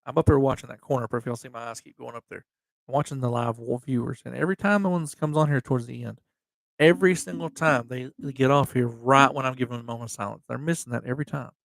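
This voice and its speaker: A man with a gravelly, fry-edged voice at a middle pitch hosts a casual livestream, reading memorial entries aloud. His speech is slightly slurred and halting, with frequent restarts and slow, careful dates. The sound is dry and close. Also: fairly even intonation, no echo. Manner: halting, restarts often, reads dates and units slowly. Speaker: livestream host.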